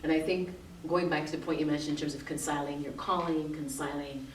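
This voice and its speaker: A woman hosts a casual interview, her voice low for a woman and her speech running quickly as she frames questions. The mic sits a way off in a reverberant room. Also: steady tone. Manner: talks quickly, leading questions. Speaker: host. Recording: roomy, distant mic, faint noise.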